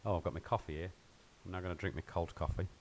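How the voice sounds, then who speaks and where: A man's voice: low voice, steady tone, fast talker, a little mellow, slight background noise. A man rambling and joking with his viewers while he plays and streams from home. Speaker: game streamer. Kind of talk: casual live-stream chat.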